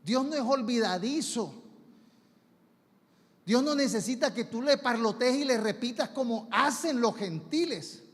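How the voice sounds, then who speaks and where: A man's voice: extremely high pitch, animated, a little slow. A man preaching a sermon as pastor, emphatic, stretching key words and mimicking showy prayers. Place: church sanctuary. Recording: long hall reverb.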